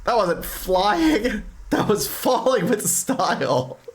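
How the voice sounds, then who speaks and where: A streamer with a mid-range, very animated voice speaks slowly while reading a game's dialogue aloud. Between lines, the talk wanders casually into movie stories, with music in the background.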